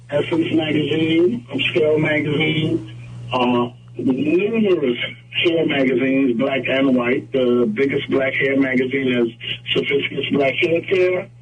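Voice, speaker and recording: A man from Trinidad and Tobago speaks as a guest on a radio talk show, explaining his work in a measured, steady way. His voice sits at a middle pitch. It sounds distant and dull, with a faint hum behind it. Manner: measured, explanatory, with frequent "mm-hmm" and "whatnot". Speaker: guest photographer. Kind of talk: radio interview.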